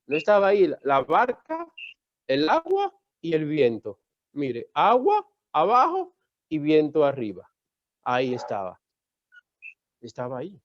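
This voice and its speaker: A man's voice: on the high side, huge pitch swings, a little slow, no echo, muffled recording. A man preaching a sermon as pastor, emphatic and repetitive, calling on listeners to repeat after him. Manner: emphatic preaching with repeated calls for the congregation to answer.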